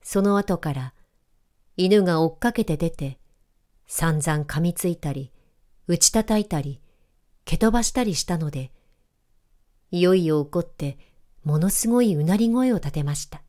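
A woman announcer narrating a storybook in a calm, clear, even way. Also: lowish voice, a little slow, pauses often.

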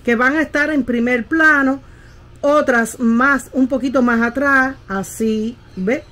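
A woman's voice: on the high side, a bit bright. A middle-aged woman, teaching how to paint a landscape in a casual tutorial and often checking that the viewer follows. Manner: patient, keeps asking "¿ve?" while demonstrating.

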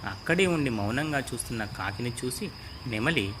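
A man narrating a children's story in a clear, measured storytelling manner. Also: medium pitch, animated. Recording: noisy with insect and bird ambience.

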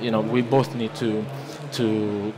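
A man in his thirties from Italy, speaking with an Italian accent, presents at a lectern in a large conference hall, his fairly low, flat voice moving slowly through a loose, conversational seminar talk full of restarts and fillers. A lectern microphone captures him with poor audio quality, and a listening audience can be heard in the background.

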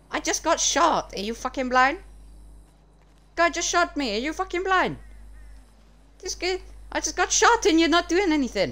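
Man putting on a hot-tempered Arabic-accented driver, swooping pitch. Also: pushed and bright, full character voice. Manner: foul-mouthed, confrontational. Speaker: gamer. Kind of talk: improvised online game role-play. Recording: noisy game audio with vehicle sounds.

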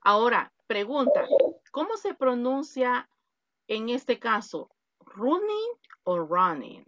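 A woman's voice: on the high side, slow, fairly bright tone, no room sound, muffled recording. A woman teaching an online English class, mixing Spanish and English and correcting pronunciation. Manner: switches between Spanish and English.

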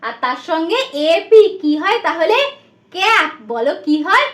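Woman primary teacher with a Bengali accent, very high pitched, sing-song coaxing delivery, recorded in an echoey room. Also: very animated, normal speed. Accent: Bengali, from West Bengal. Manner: sing-song, coaxing questions with frequent "tai to?" prompts. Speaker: primary teacher giving a demo class. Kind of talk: demo class teaching English words to small children.

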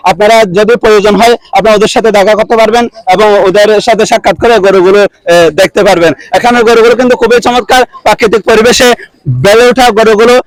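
A male field reporter speaks in a high voice with a Chattogram Bangladeshi accent. His delivery is quick and eager, yet halting, with repeated words as he presents and asks questions on location. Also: no echo, poor audio. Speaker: reporter for a local online channel. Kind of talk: on-location market report with interviews. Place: outdoor cattle market.

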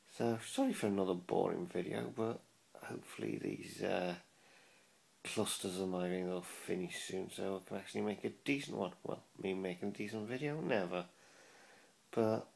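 A British man in his forties with a low, creaky voice records a casual video diary. He sounds weary and self-deprecating, speaking into a phone held at arm's length indoors. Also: a little mellow. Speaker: vlogger. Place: small room indoors, lying on a pillow.

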